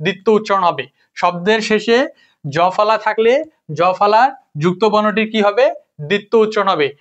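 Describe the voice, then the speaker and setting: High-voiced man drilling a grammar lesson. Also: a bit bright. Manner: repetitive, drilling questions to students. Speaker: teacher. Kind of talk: casual spoken lesson. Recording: dull lo-fi recording.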